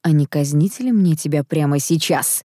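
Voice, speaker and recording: A woman's voice: deep voice, moderate pace, mellow, husky, no room sound, clean studio sound. A woman reading an audiobook, voicing a proud young crown prince who is sarcastic and snaps in anger. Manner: sarcastic, snapping.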